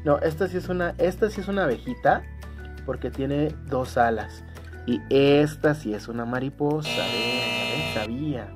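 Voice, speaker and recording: Background music plays as a man unboxes toys casually for his audience, his medium-pitched voice lively and moderately paced. Delighted outbursts and sweet diminutives fill his commentary.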